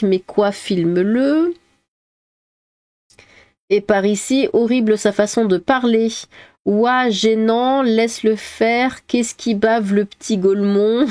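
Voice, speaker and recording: A woman's voice: medium pitch, a little mellow, dry recording. A woman streaming live, giving blunt, opinionated reaction commentary with rambling asides while reading chat aloud, on a close desk mic.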